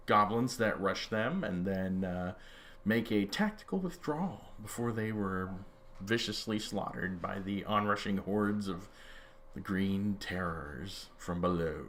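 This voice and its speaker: A man runs a tabletop session as game master, talking slowly through fillers and small jokes. His voice is bright and forward, a little low. A faint hiss sits under the recording. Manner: halting, many fillers, wry asides. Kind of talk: hosting and narrating a tabletop game over a stream.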